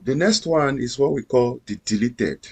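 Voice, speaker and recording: A man's voice: mid-range voice, lively intonation, moderate pace, gravelly, a little mellow, husky. A man teaching a screen-recorded coding lesson, explaining each step patiently and repeating himself. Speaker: coding instructor.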